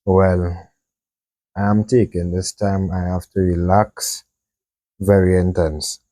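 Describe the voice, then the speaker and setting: A teenage sprinter talking casually about his running, in a relaxed, slangy way. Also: deep voice, slow, no echo. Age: teens. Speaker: young sprinter guest. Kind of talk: casual interview chat.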